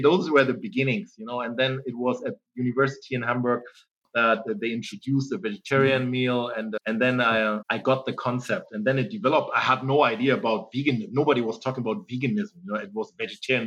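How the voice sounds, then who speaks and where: Speaking fast in a mid-range voice, a German founder in his forties rambles comfortably as an interview guest, frequently dropping in "you know." The recording has its highs cut off.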